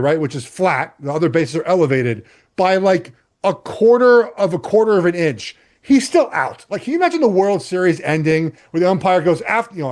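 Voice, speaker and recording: A man from Los Angeles, a retired football lineman guesting on a sports podcast, who argues his points emphatically with quick stumbling restarts. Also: high voice, a little mellow. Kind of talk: casual sports chat.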